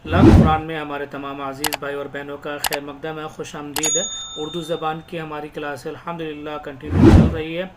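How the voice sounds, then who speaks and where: A man's voice: on the high side, completely flat delivery, very noisy. Patient man teaching Urdu words. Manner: reads single words slowly, then explains them patiently; casual, reassuring teacher talk. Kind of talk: online reading lesson.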